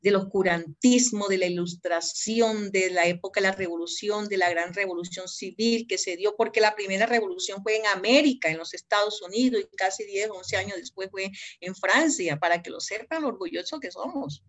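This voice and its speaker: A woman's voice: medium pitch, moderate pace, few pauses. Emphatic Colombian woman lecturing. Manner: digressive, emphatic, quizzes students by name and spells words out. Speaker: university law lecturer. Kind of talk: live class lecture.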